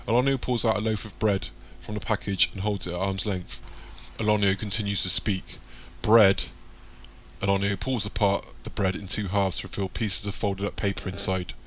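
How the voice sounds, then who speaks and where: A man reading an audiobook, telling the story in a plain, steady way. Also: on the low side, brisk, few pauses, slight background noise. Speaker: audiobook narrator. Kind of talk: scripted narration.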